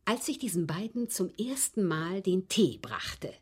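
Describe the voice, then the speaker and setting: Confiding and intense, this actress voices a refined woman who suffered abuse and now admits to the police she poisoned someone, in a German radio drama. Her husky, breathy delivery is deliberate and emphatic, mid-range, very animated, a little mellow, and exaggerated.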